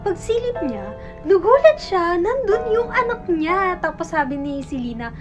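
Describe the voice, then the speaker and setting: Woman, very high voice, dramatic spooky narration over music. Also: sing-song, measured pace, lo-fi sound. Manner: dramatic storytelling. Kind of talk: narrated horror story.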